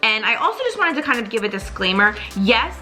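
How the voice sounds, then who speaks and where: A woman's voice: a little high, big pitch swings, fast, sharp tone, faint music behind. A young woman chatting casually in a product review vlog, upbeat and full of "like" fillers. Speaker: vlogger.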